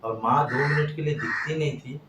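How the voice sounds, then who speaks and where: Middle-aged man, halting heartfelt storyteller, far from mic in a noisy room. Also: fairly high pitch, fairly even intonation. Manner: halting, heartfelt, voice swells and drops. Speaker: vlogger. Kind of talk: emotional personal storytelling. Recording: echoey, distant, noisy room.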